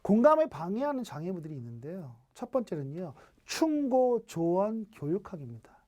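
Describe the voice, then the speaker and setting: A lecturer with a mellow, warm tone delivers an online training session. The talk is full of rhetorical questions. Short snippets of dialogue are acted out to make each point. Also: mid-range voice, big pitch swings, moderate pace. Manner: asks rhetorical questions, acts out quoted dialogue.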